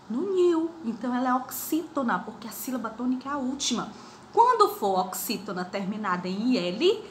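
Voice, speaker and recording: A middle-aged woman teacher, giving a recorded video lesson to children, stretching words slowly and repeating the rules. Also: on the high side, fairly bright tone, echoey room, a little hiss or hum. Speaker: primary school teacher.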